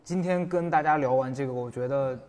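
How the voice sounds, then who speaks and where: A man's voice: medium pitch, brisk, a little mellow, long reverb tail. A man on a talk show, talking in an earnest, reflective way and reading aloud with playful flair. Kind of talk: casual chat over a meal.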